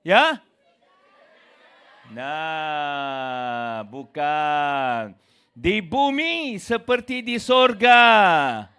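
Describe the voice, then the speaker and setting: Emphatic high-voiced man preaching slowly. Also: expressive. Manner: emphatic, rising to loud exclamations and dropping low; addresses listeners as "saudaraku". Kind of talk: sermon.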